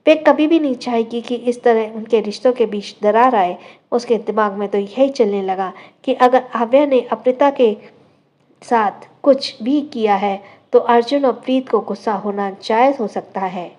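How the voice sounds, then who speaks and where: A woman narrating a scripted audio drama as a storyteller, in a steady, dramatic manner. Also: a little high, moderate pace, highs cut off.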